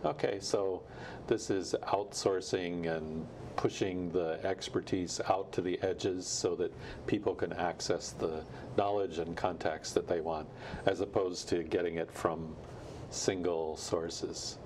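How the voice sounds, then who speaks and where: A man's voice: sits low, fairly even intonation, unhurried, a little mellow, a little hiss or hum. A man hosting a TV studio interview, probing and joking as he sums up his guest's answers. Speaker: TV show host.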